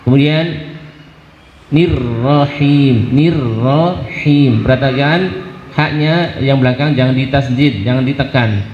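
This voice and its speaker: A man teaching Quran recitation, explaining pronunciation and chanting each syllable slowly for a group to repeat. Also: medium pitch. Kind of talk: tajweed lesson with call-and-response drills. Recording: echoey hall, dull lo-fi sound, faint hiss.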